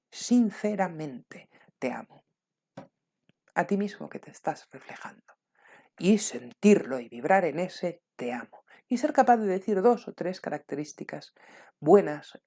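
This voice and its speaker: A woman giving a calm spiritual talk, softly checking in with her listeners and sometimes dropping to a near whisper. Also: lowish voice. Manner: calm, soft-spoken, checks in often with "¿m?" and "¿vale?". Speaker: spiritual teacher.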